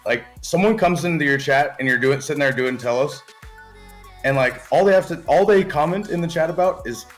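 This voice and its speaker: A man's voice: a little high, a little fast. Young male streamer, frat-bro slang and swearing, casual livestream chat over faint music. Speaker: gaming streamer.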